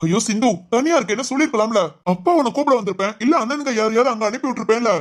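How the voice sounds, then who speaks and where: A woman playing a gentle, encouraging middle-aged father in an amateur family drama, speaking in a fast, soothing way. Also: on the high side, close to an everyday voice. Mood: tender.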